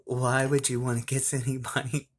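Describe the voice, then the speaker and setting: A man's voice: medium pitch, normal speed, sharp tone, slight background noise. A man telling a casual storytime vlog, rambling and laughing often as he talks. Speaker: vlogger. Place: small hot bathroom.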